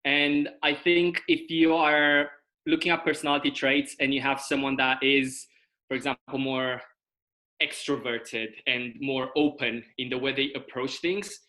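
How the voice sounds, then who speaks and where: This young man from Romania, appearing as a guest over video call in an informal interview, holds a level, medium-pitched tone at a measured pace. His voice is bright and forceful, and he explains things at length, frequently tagging on "right?" or "okay?". The recording is rough.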